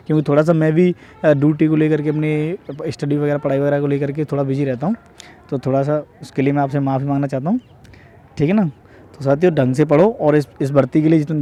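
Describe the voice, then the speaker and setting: In a slightly high, mellow voice, a young northern Indian man chats casually with viewers about preparing for exams. He tends to explain things over and over, often checking understanding with tag questions that invite agreement.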